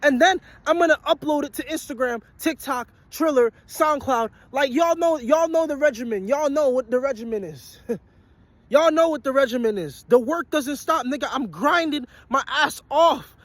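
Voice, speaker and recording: A young man in his twenties delivers a profane motivational rant straight to his viewers in a strikingly high voice. He talks bluntly and hammers each point with repetition, worn and sweaty from a long shift. The sound is close and dry. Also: animated, normal speed, fairly bright tone, no echo. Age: 20s. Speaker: vlogger and aspiring musician.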